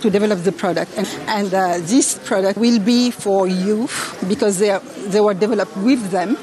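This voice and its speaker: A woman's voice: mid-range voice, moderate pace. A woman explaining something in an interview. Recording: busy chatter in background.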